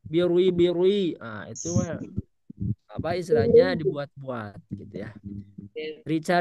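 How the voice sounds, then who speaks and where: A man teaching Quran recitation over a video call, slowly stretching out syllables and drilling students. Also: on the high side, darkish tone, no echo. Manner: drawn-out demonstration of syllables, patient drilling. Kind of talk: online tajwid lesson.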